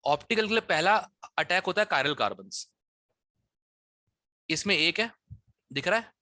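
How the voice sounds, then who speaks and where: A man's voice: high-pitched, animated, measured pace, sharp tone, no room sound, clean studio sound. A man teaching a chemistry class, explaining test questions and often checking that students follow. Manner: Hinglish teaching, frequent "ठीक है?" checks.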